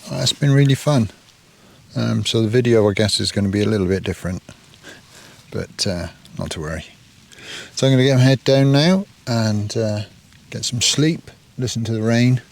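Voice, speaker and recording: A man with a fairly low voice talks in a relaxed, rambling way, filling pauses with "uh" as he narrates his camping trip from a hillside tent. Faint noise sits behind him. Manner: relaxed, rambling, many "uh" fillers. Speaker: vlogger camping host. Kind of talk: casual chat and vlog narration. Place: outdoors on a hillside camp, later inside a tent.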